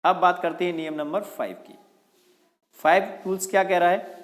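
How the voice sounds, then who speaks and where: A man's voice: high-pitched, steady tone, normal speed. A male teacher giving a step-by-step grammar lesson, often asking a question and answering it himself.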